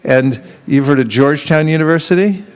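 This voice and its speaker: A man with a slightly higher-pitched voice is teaching a live seminar. He keeps throwing questions at the room and slips into little acted-out exchanges to show how a conversation goes. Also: a little fast, a little mellow. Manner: keeps quizzing the audience with questions; acts out street exchanges in quoted voices.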